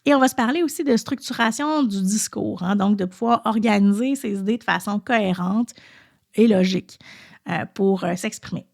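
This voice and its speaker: A woman's voice: mid-range voice, moderate pace, vocal fry. A woman with a Québécois French accent, a podcast host and French teacher, explaining at an easy pace and thinking aloud with frequent hesitations.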